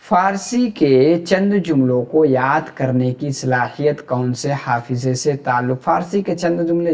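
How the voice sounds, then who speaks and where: A man's voice: a little high, a little mellow. A man from India with a Hyderabadi Urdu accent, teaching an exam-prep lecture. He asks questions aloud and then answers them himself.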